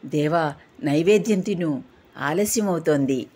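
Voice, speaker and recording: Tearful little boy begging his god, storybook reading, voiced by a woman, low husky tone. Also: measured pace, warm tone. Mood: pleading.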